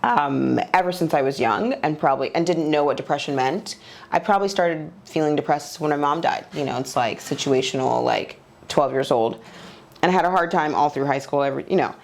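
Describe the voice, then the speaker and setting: A woman in her forties, from Nigeria, talking as a podcast guest in her own home. Her voice sits low, and she speaks candidly and reflectively. Her phrasing stays loose and conversational, full of small fillers. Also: a little fast, gravelly. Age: 40s. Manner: reflective, open, loose with many "like"s.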